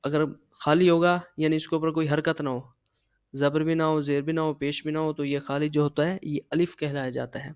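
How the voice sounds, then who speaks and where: A man teaching a Quran reading lesson, patiently explaining and slowly drilling syllables aloud. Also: fairly high pitch, flat delivery, a little mellow, clean tone, dry recording.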